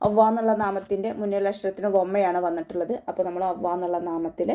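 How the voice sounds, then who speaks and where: A woman's voice: mid-range voice, steady tone, mellow. A woman teaching an online recitation class, patiently explaining each sound step by step. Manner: patient step-by-step instruction with slow chanted recitation.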